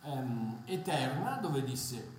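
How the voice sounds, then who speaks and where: A man preaching a Bible sermon, impassioned and emphatic, repeating key phrases and pausing on hesitant fillers. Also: medium pitch, big pitch swings, a little mellow. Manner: impassioned, emphatic repetition, halting fillers and restarts. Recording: very echoey room, faint noise.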